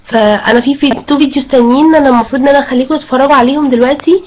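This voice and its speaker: A woman's voice: sits high, steady tone, racing, muffled recording, slight background noise. A woman with an Egyptian Arabic accent, teaching English to an online class in a chatty way and often correcting herself. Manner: chatty, self-correcting, apologetic asides. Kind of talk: casual online class explanation.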